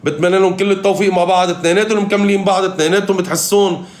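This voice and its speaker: A man giving animated live-stream commentary on a reality show. He is emphatic and often repeats his phrases. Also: high-pitched, very fast, reverberant.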